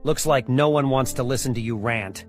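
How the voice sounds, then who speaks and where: A man's voice: medium pitch, normal speed, loud music behind the voice, natural voice. A man playing a greedy, contemptuous rich heir in a scripted drama, scornful and dismissive.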